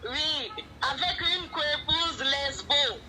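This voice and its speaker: A woman's voice: high voice, very slow, sharp tone. A woman calling in to a show over the phone, hesitant, telling her story in short pieces. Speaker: caller. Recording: noisy phone line.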